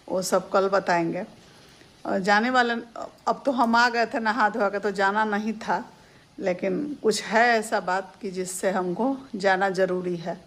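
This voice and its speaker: A woman, talking to her viewers in a casual vlog and giving earnest advice in a steady, homely way. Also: mid-range voice. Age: 50s. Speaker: family vlogger, mother-in-law.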